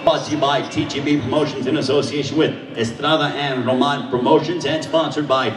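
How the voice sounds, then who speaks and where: A man's voice: mid-range voice, fairly even intonation, brisk, noisy background. A man working as a boxing weigh-in announcer, with a showman's delivery that draws out fighters' names. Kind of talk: live sports announcing. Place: large echoing event hall. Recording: echoey hall PA, distant from mic.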